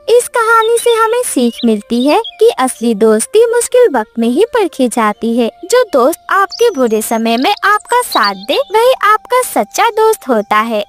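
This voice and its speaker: A woman narrating a children's cartoon story with a high, sing-song delivery and very lively pitch. Soft children's music plays faintly behind her.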